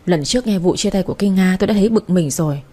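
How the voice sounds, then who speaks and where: A woman narrating a storybook in first person with chatty asides and sharp scolding dialogue. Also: lowish voice, racing. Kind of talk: storybook audio reading.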